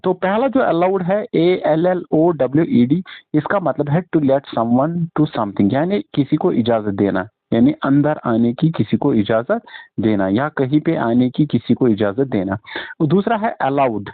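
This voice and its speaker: A man's voice: mid-range voice, expressive, measured pace, no room sound. A man with an Indian English accent teaching an exam-prep lecture, switching between Hindi and English and spelling words out letter by letter. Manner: mixes Hindi and English, frequent fillers and restarts. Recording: dry, tinny phone-like audio.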